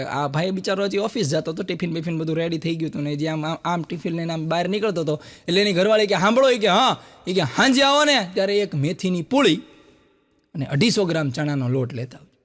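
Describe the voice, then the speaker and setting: Comedian guy, kinda high voice, tells jokes n acts out all the parts. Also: fast. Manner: animated storyteller, voices quoted characters. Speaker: stand-up comedian. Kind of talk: Gujarati joke telling, acting out dialogue.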